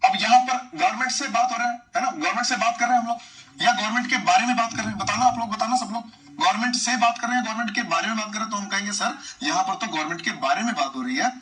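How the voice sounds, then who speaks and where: A man's voice: high voice, rapid-fire, sharp tone, far from the mic, rough recording. A man teaching English grammar, chatty, repeating points and quizzing his students. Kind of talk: live online class, explaining in Hindi.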